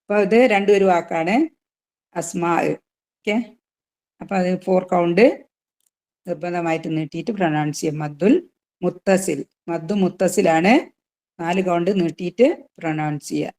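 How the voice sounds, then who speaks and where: A woman's voice: fairly low pitch, steady tone, darkish tone. Patient woman teaching Quran recitation. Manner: patient, asks students questions, drawn-out recitation examples. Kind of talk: online tajweed class.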